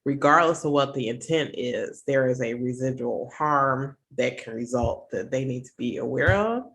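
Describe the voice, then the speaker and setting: A woman's voice: a bass voice, moderate pace, fairly bright tone. A woman hosting a podcast interview, thinking aloud in a casual, reflective, hedging way. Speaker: podcast host.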